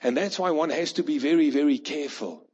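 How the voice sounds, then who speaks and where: A male preacher delivers a storytelling sermon, slipping into the voices of the people in his parable. His voice is husky and breathy at a medium pitch. It rings with a long reverb in a large hall, and the recording sounds dull and lo-fi. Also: brisk, a little mellow.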